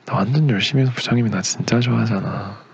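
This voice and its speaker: Man playing a low, hushed doting boyfriend, romantic lead. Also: quick pace, vocal fry, husky, lo-fi sound, heavily acted. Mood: soft, content. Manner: tender romantic leading man, soothing, murmured. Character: doting, gentle young boyfriend caring for his sick girlfriend. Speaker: boyfriend in a role-play. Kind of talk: ASMR romantic role-play voice drama, partly whispered.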